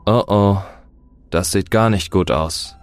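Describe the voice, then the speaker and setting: A man voicing a panicky young male gang member who shouts in fear during a horror story. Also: low voice, slow, soft background music. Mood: worried. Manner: shouting, frantic.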